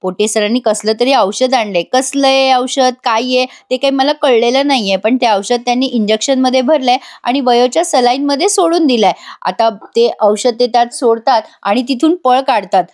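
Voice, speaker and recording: A woman's voice: a little high, moderate pace, hardly any pauses, a little mellow. A woman narrating a voice-over recap of a TV serial, dramatic and talking straight to her viewers. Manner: dramatic, addresses viewers directly. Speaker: TV serial reviewer.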